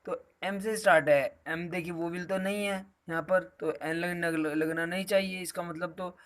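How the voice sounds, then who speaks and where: A male teacher patiently guides his students through a grammar lesson, affectionately calling them "beta" now and then. His voice is a little high and fairly bright, with a steady tone and moderate pace.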